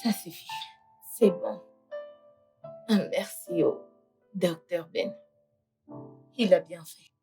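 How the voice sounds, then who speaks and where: A woman's voice: lowish voice, slow pace, creaky, pauses often, faint music behind. An actress dubbing a woman who comforts a crying friend in a film. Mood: gentle soothing. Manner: soothing, hushing. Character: comforting female friend, soothing and steady. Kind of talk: dubbed film acting.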